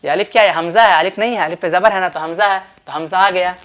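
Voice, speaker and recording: At a board, a man with an Urdu accent teaches tajweed, the rules of Quran recitation, in a bright, forceful, high-pitched voice. He explains patiently and repeats himself, stretching sample words out slowly and firing quiz questions at his students.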